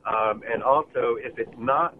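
A man's voice: medium pitch, a little slow. A man, calling in to a radio show over the phone, hesitant with many ums and restarts. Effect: heard over a phone line. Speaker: caller. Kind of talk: call-in radio question. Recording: tinny phone line with faint noise.

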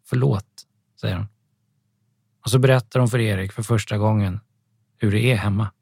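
A man narrating a story calmly and evenly, with soft music behind him. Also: lowish voice, slightly rough, no echo, studio quality. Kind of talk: scripted audiobook narration.

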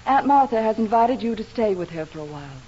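An actress playing an anxious young wife in a 1940s radio drama, sharp and indignant. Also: female voice, mid-range voice, lively intonation, fast talker, soft background music, close to an everyday voice. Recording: dull old radio broadcast, faint hiss.

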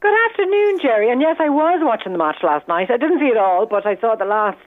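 A woman with an Irish accent calling in to a radio show, talking in an animated, opinionated way with lots of fillers. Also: a little high, fast, dry recording. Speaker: caller, restaurant owner. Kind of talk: casual chat on a phone line. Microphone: phone. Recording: tinny phone line.

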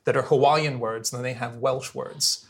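A man's voice: medium pitch, fairly even intonation, normal speed, over a noisy crowd. Rambling, jokey male podcast guest. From Hong Kong. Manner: rambling, self-deprecating, jokey. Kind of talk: casual chat.

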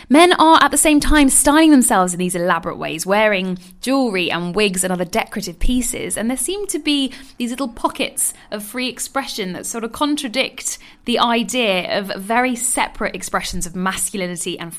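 A woman's voice: medium pitch, a bit bright. A woman presenting a radio talk on art history, chatty and informal. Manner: chatty and informal, with small laughs.

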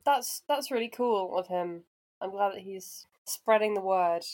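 A woman's voice: medium pitch, a little slow, darkish tone. Curious, playful woman asking questions. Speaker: podcast co-host asking questions. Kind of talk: casual podcast chat.

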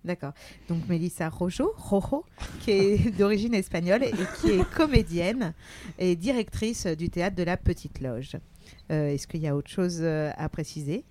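A woman guest on a podcast, chatting playfully with quick asides. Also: on the low side, lively intonation, crowd noise. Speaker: guest, comedy school co-founder. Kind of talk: casual chat.

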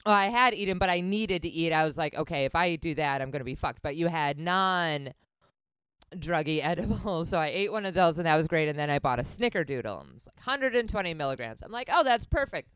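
Woman in her 40s, podcast host, smooth clear voice, close dry sound, chatty, laughing. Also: low-pitched, expressive, a little fast, a bit bright, dry recording. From Wisconsin. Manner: laughing, rambling storyteller. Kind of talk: casual chat.

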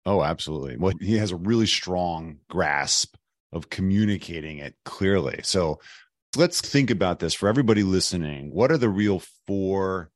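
A man co-hosting a podcast discussion in a conversational style, his voice hoarse, raspy and nearly gone. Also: low-pitched, expressive, moderate pace, dry recording, clean studio sound. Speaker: podcast co-host. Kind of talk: conversational discussion of financial advising.

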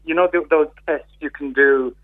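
A man's voice: on the high side, steady tone, normal speed. A man from County Kerry with a south-west Irish accent, explaining things in a discursive, conversational way as a radio interviewee. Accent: Irish, Kerry in the south-west of Ireland. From County Kerry, Ireland. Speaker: interviewee, community integration worker. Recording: narrow tinny phone line.

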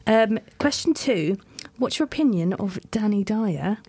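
Young woman, medium pitch. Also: animated, a little slow, mellow, slightly rough. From London, England. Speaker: show panelist and quizmaster. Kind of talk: casual chat.

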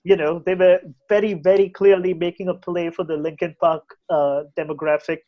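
A man's voice: high voice, little pitch movement, moderate pace, highs cut off. A man with an Indian English accent chatting casually and giving opinions as a podcast guest, often repeating and restarting his phrases.

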